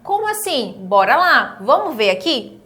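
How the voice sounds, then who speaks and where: A young woman with a Brazilian Portuguese accent, teaching an online English lesson and slowly repeating words for students to drill. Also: high-pitched, sing-song, pushed and bright.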